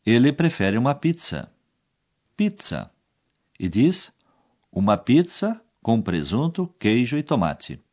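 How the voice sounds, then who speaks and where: A man's voice: mid-range voice, sing-song, slow, pauses often, darkish tone. A man narrating a language course in scripted style, explaining each scene and repeating the key foreign words.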